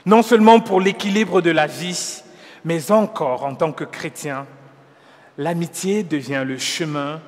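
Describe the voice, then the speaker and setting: A man preaching a sermon, earnest and gently persuasive, measured, often restarting his words. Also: on the high side, big-room sound. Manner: measured, with frequent restarts and stumbles. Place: church hall.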